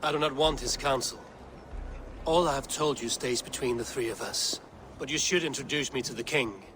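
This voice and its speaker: An actor playing a resolute, grim and forthright Viking warrior in a dramatic video game. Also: male voice, mid-range voice, moderate pace, fairly bright tone, slight background noise, close to an everyday voice. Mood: grave, urgent.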